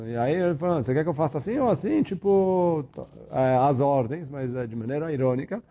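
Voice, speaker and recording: A man teaching a Talmud study lesson, reading Aramaic phrases and then explaining them in a relaxed, conversational way. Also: medium pitch.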